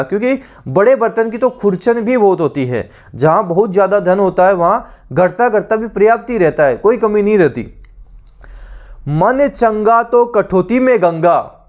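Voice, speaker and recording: A man teaching an online exam-prep grammar lesson, repeating each word slowly so students can learn its spelling. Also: sits high, darkish tone.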